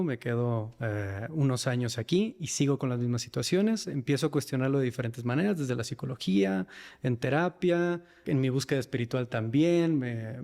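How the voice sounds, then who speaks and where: A man with a northern Mexican accent, a men's mental health facilitator appearing as a podcast guest, reflects on himself and his work in a personal interview. His mid-range voice is mellow, with a big-room sound.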